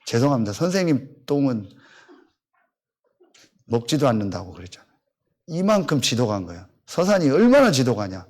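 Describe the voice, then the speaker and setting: A man's voice: mid-range voice, normal speed, pauses often. A pastor in his fifties telling a personal story in a sermon, acting out the back-and-forth of conversations in a blunt, colloquial way. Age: 50s. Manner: animated storytelling, acting out both sides of conversations.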